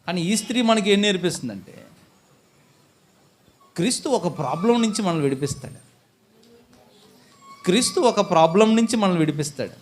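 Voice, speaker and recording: High-voiced preacher asking and answering himself. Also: male voice, lively intonation, brisk, long pauses, slight background noise. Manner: questions the congregation and answers himself. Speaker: pastor. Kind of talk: sermon.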